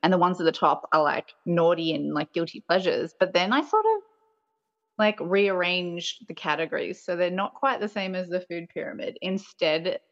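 A woman's voice: fairly low pitch, animated, moderate pace, lo-fi sound. A woman chatting casually as a podcast guest, playful and giggly, sprinkling her talk with "like". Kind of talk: casual chat.

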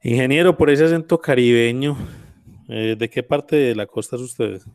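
A man's voice: mid-range voice, normal speed, darkish tone, no room sound, clean studio sound. A man hosts an interview, putting wordy, roundabout questions in a conversational way. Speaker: interviewer, host.

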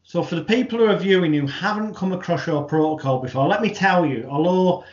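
A man's voice: high voice, fairly quick, darkish tone. A man hosting an interview, explaining and commenting in a frank, wordy, emphatic conversational manner. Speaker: interview host, hypnotherapist. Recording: echoey room, dull lo-fi audio.

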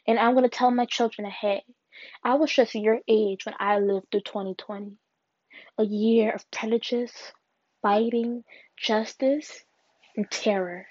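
A young woman hosting a solo podcast, talking in an earnest, halting way with restarts. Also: a little high, fairly even intonation, darkish tone, no room sound. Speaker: podcast host. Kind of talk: solo personal podcast reflection. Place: alone at home. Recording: dull, dry lo-fi recording.

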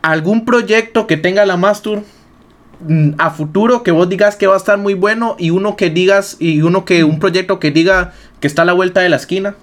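A man with a Costa Rican accent runs a casual interview. His voice is high for a man. He wanders through his questions and keeps hedging them before he gets to the point. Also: a little fast.

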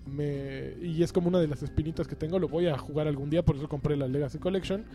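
A man's voice: fairly high pitch, fast talker, warm tone, soft background music. A man, hosting a casual gaming podcast, chatty and joking as he rambles on. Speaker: podcast host. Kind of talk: casual chat.

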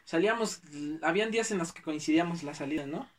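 A young man with a Mexico City accent, chatting casually and telling stories in animated, slangy talk. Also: fairly high pitch, fast talker, far from the mic. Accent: Mexico City Spanish. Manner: slangy, animated, acts out quotes. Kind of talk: casual chat, storytelling.

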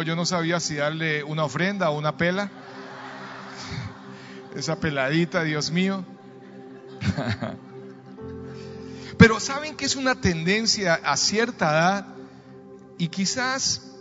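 A man's voice: high voice, a bit bright. A middle-aged man, a pastor preaching and telling a story, calling the congregation to answer back. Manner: storytelling, calls for audience responses. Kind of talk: sermon. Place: church hall. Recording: dull sound, long reverb in a church hall.

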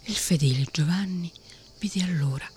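A woman reading a bedtime fairy tale in a soft whispered role-play. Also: fairly low pitch, normal speed, faint music behind. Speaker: bedtime storyteller.

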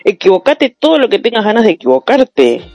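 A woman's voice: mid-range voice, big pitch swings, a little fast, darkish tone, no room sound, faint music behind. A woman with a Rioplatense Spanish accent, talking reflectively and telling stories in a casual panel chat. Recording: dull lo-fi sound.

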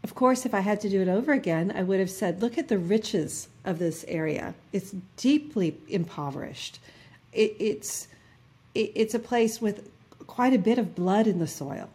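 A woman in her fifties from New Jersey, appearing as an interview guest, earnestly shares personal stories with lots of fillers and restarts. Her medium-pitched voice has lively intonation, a slightly mellow quality and a breathy edge, and she speaks at a normal pace in this reflective conversation.

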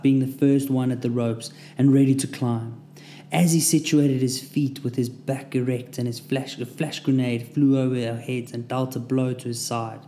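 A man's voice: mid-range voice, dark tone. A man narrating his own war memoir in a vivid, dramatic storytelling manner. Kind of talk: scripted first-person memoir narration. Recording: roomy echo.

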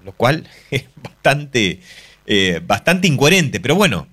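A man with an Argentine accent giving an economics column on radio, deliberate and explanatory with many fillers. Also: mid-range voice, very animated, fairly bright tone. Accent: Argentine Spanish. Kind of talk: radio commentary.

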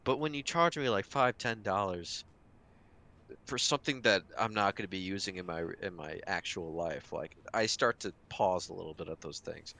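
A man's voice: deep voice, normal speed. A man co-hosting a gaming podcast, chatting casually and animatedly, filling his talk with "like" and restarts. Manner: animated, heavy use of "like", many restarts. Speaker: podcast co-host. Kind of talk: casual chat.

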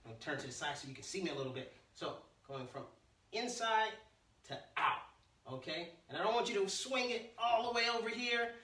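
A man teaches a children's martial arts class in a high-pitched, very sharp and forceful voice. He talks like a playful kids' entertainer, teasing, encouraging and calling out commands. The sound is echoey, picked up from across a room. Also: brisk. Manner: energetic counting and barked commands. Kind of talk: livestreamed kids' exercise class, call-and-response instruction. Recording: roomy echo, distant from the mic.

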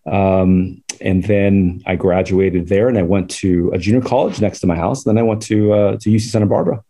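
In a relaxed life-story interview, a podcast guest in his forties from Southern California rambles chattily and laughs often. He speaks at a moderate pace in a low-pitched, warm voice.

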